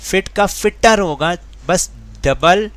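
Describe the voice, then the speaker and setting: A man's voice: high-pitched, fairly bright tone. A man teaching an English grammar worksheet in Hindi, patiently repeating rules, spelling words letter by letter and asking the class questions. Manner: mixes Hindi with slowly read English sentences; asks the class rhetorical questions.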